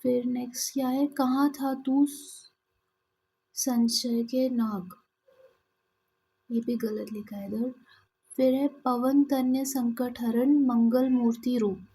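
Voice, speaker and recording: A woman teaching an exam-prep lesson, explaining terms and reading verse examples aloud with pauses. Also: a little high, fairly even intonation, warm tone, slightly rough, low-quality recording.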